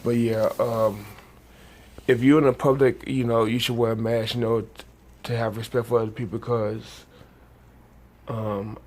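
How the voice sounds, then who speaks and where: A man vlogging to his channel, reading a news item and then talking casually, sleepy and just woken up, with many halting restarts and fillers. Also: medium pitch, level tone, darkish tone.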